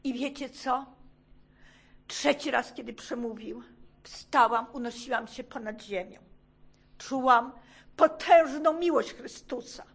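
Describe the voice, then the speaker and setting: A middle-aged woman with a somewhat high voice shares a personal religious testimony before a congregation. She speaks fervently and emphatically, pressing key phrases again and again. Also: slow, long pauses, fairly bright tone, husky.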